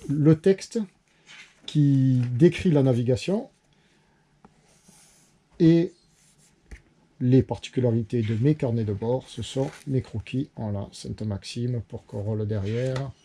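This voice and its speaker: A man from Marseille talks casually to camera in his strong local accent. His voice is mellow and dark, his manner chatty and meandering, and there is a faint hiss of noise behind him. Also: mid-range voice. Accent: Marseille French. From Marseille, France. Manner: chatty, meandering, plain-spoken. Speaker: sailing vlogger.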